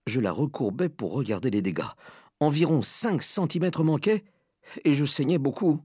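A man reading a children's story aloud with dramatic, expressive first-person narration. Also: on the high side, normal speed, breathy edge, dry recording, clean studio sound. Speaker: audiobook reader.

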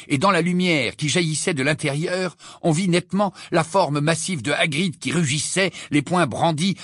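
A man reading an audiobook aloud in an expressive, dramatic way. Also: fairly high pitch, husky, dry recording, studio quality. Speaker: audiobook reader. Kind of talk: audiobook narration.

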